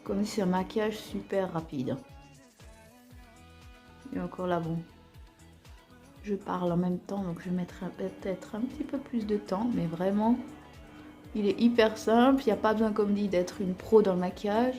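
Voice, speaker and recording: A chatty woman with an Alsatian accent walks through her everyday makeup as she applies it, with many fillers and pauses. Her voice sits in the middle range. It rings in an echoey room with faint music underneath. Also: mid-range voice, dark tone. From Alsace, France. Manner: chatty, frequent fillers, talks while applying makeup. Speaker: beauty vlogger. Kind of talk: casual makeup tutorial.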